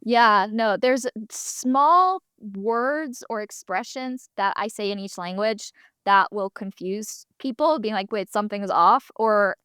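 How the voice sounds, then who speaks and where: Speaking slowly in a mid-range, slightly bright, smooth voice, a twenty-something woman recounts her story as a podcast guest. She's a marathon runner raised in Italy and Spain with an American accent, and her casual, chatty telling includes quoted asides. The audio is clean studio sound without echo.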